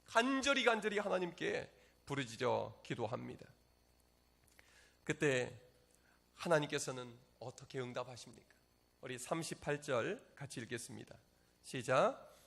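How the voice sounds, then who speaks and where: A man preaching a Sunday sermon as pastor, moving from calm storytelling to fervent, impassioned prayer. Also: medium pitch, unhurried, gravelly, long pauses, husky. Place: church sanctuary.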